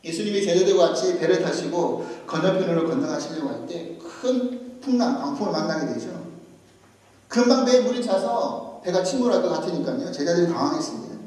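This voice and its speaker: A high-voiced pastor preaches to his congregation and keeps turning to them with rhetorical questions. He stands well back from the mic, and his voice rings with a long, echoey church-hall reverb. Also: lively intonation, brisk, darkish tone, distant mic. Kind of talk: sermon. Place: church sanctuary.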